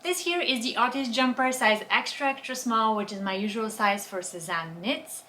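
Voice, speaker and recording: A woman's voice: on the high side, normal speed, sharp tone, a little hiss or hum. A young woman from Bulgaria, speaking, chatting enthusiastically through a fashion haul and try-on. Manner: chatty, enthusiastic product descriptions. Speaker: fashion vlogger. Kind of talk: casual haul and try-on talk.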